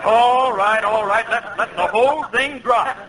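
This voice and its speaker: A man's voice: very high voice, unhurried. A man acting a blustery, scolding old Santa Claus with theatrical reproof, on a noisy 1940s radio comedy recording.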